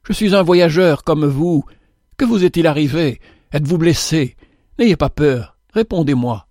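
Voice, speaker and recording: A man voicing a calm, kindly male traveler who speaks in a gentle, reassuring way. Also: fairly high pitch, measured pace, no room sound, studio quality.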